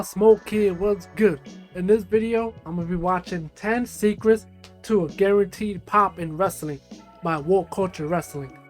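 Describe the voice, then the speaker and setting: Laid-back man chatting over soft music. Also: high voice. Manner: loose and conversational, many fillers like "like" and "uh". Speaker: reaction video host. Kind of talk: casual reaction commentary.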